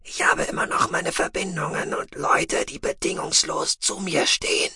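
A man voicing a husky, half-whispered male lone-wolf fighter who makes quiet, dry remarks. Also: on the high side, fairly even intonation, moderate pace, no echo, pitched above the performer's own voice, full character voice. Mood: hushed.

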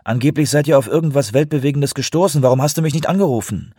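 A man reading an audiobook voices a grumpy male researcher who snaps irritably, his pitch rising in outbursts. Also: quick pace, dark tone, husky, dry recording, clean studio sound, lightly acted. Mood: irritated.

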